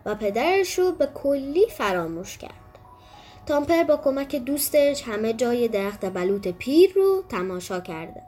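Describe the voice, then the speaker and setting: A woman acting as storyteller, reading a children's story aloud in an expressive, even way. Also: high voice.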